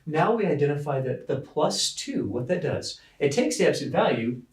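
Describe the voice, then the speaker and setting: A man's voice: a little high, sing-song, moderate pace. A man in his forties teaching a math class at a whiteboard, talking with emphatic energy and acting out the questions students ask. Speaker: math professor. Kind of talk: classroom lecture. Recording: roomy classroom with some distance.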